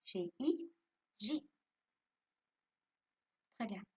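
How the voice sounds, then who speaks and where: Female primary teacher at home, slow and patient, husky voice, dull lo-fi sound. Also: mid-range voice, big pitch swings, a little mellow. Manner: slow and patient, quizzing pupils then answering herself. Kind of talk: phonics lesson, spelling words letter by letter.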